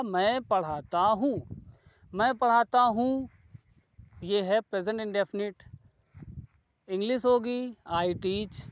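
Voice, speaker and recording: A man teaching a grammar lesson who repeats each example slowly and deliberately, mixing in phrases. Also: sits high, fairly bright tone, clear, resonant tone.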